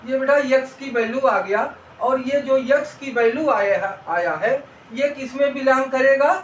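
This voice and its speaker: Slow, high-voiced male maths teacher. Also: a little hiss or hum. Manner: patient, repeats steps, asks students rhetorical questions; mixes English maths terms into Hindi. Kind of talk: step-by-step maths lesson. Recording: roomy echo, mic at a distance.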